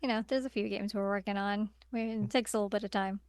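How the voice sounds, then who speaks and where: A podcast co-host chats casually and conversationally, her mid-range, slightly mellow voice smooth and steady as she talks fast. The studio sound is clean, with no echo.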